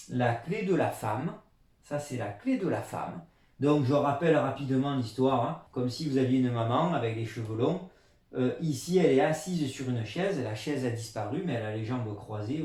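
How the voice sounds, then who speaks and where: A man giving a language lesson, explaining words patiently and stressing example syllables loudly, then dropping his voice low for asides. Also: reverberant. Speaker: Chinese language teacher.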